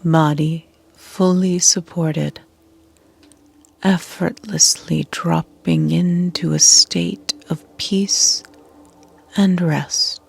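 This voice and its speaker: A woman's low voice carries a guided yoga nidra meditation with fairly even intonation. She sounds soothing and hushed, her breathy edges falling near a whisper, and she takes long pauses.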